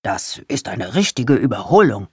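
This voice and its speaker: Reader plays a defensive, self-important older husband; lively, dry. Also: male voice, medium pitch, moderate pace, breathy edge, no room sound. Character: fussy older husband fixing bikes.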